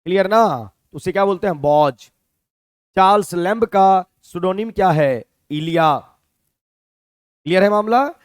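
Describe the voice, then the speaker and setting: A man's voice: high-pitched, measured pace, long pauses, no room sound, clean studio sound. A man teaching a vocabulary class with a Hindi accent, explaining step by step and checking in with his students. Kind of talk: classroom lecture.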